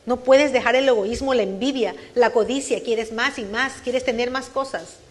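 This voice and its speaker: High-voiced woman preaching earnestly. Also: moderate pace. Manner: earnest, questioning the listener directly; repeats and restarts phrases as she preaches. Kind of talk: Spanish-language sermon. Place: church service.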